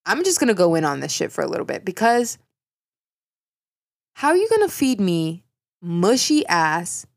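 A young adult woman hosting her own podcast from home at night, ranting in a blunt, profane, sarcastic way. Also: fairly low pitch. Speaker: podcast host. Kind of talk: casual ranting monologue.

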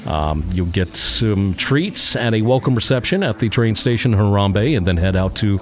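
A man's voice: fairly low pitch, expressive, moderate pace. A man hosting a casual podcast, chatting and reading out news items with easy laughs. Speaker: podcast host.

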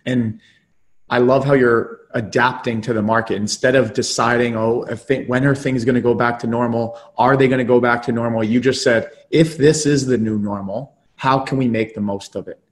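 A man's voice: mid-range voice, fairly even intonation, moderate pace. A man hosting an interview, upbeat and full of praise, rephrasing the guest's points. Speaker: podcast host.

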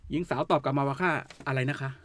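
A man's voice: medium pitch, fairly even intonation, fast talker, noisy background. A man on a podcast telling a joke story in a casual way, laughing at his own jokes.

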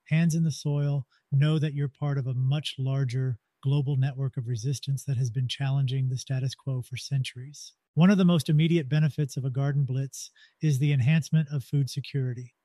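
A man narrates a podcast script in an earnest, explanatory manner. His voice sits at a middling pitch with a warm, mellow timbre. The sound is dry and close, with no room around it. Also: no echo. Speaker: podcast host.

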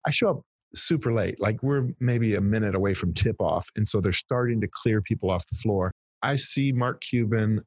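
Husky-voiced man in his fifties telling stories. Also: lowish voice, no echo. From Texas, US. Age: 50s. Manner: animated storyteller, repeats words when starting phrases. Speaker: guest, PR firm founder. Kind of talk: storytelling interview chat.

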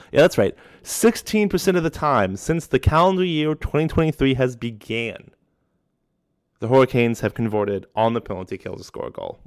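A young man hosting his podcast while sick, with a grainy, scratchy, hoarse voice and a rambling, self-deprecating way of talking. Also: mid-range voice, dry recording, clean studio sound. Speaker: podcast host. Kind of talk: casual solo podcast talk.

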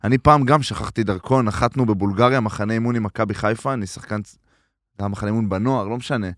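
A man's voice: on the low side, dry recording, studio quality. A man co-hosting a podcast, chatting casually and joking. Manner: relaxed, joking banter. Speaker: podcast co-host, former basketball player. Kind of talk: casual chat. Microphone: studio mic.

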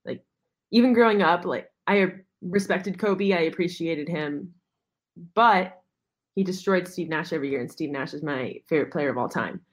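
A woman guest on a sports podcast with a somewhat low voice. She speaks earnestly and at length in casual chat, with "like" scattered through her sentences. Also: moderate pace. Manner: earnest, talkative, frequent "like".

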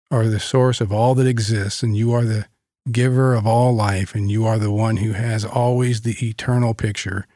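Slow, calm man guiding a meditation. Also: lowish voice, dry recording, clean studio sound. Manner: slow, calm, deliberate with long pauses. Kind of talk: guided meditation with Bible teaching.

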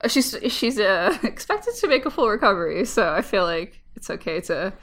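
A woman co-hosting a podcast in casual chat, with vocal fry, a slight cold and a giggly, halting, informal manner. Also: medium pitch, sing-song, fairly bright tone. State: has a slight head cold. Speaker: podcast co-host.

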